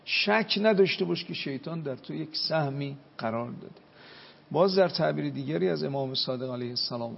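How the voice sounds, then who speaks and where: A man's voice: medium pitch, gravelly, husky, long reverb tail, muffled recording. A man, a cleric, giving a religious talk, telling stories and chanting Arabic quotations. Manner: preaching with Arabic hadith quotes, storytelling.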